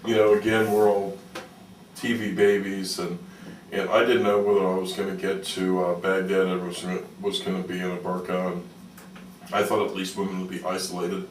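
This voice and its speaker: A man telling stories as a radio interview guest, conversational and halting, often repeating words as he thinks. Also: low-pitched, level tone. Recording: roomy, noisy, distant-mic radio interview.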